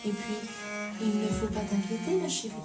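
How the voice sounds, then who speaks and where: Woman voicing a fussy anxious mom, hushing and coaxing, far from the mic with viola playing. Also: medium pitch, moderate pace, over loud music, lightly acted. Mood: soothing. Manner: soothing and hushing, sharp when scolding. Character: anxious, fussy middle-aged mother. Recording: roomy live café, far from mic, viola behind.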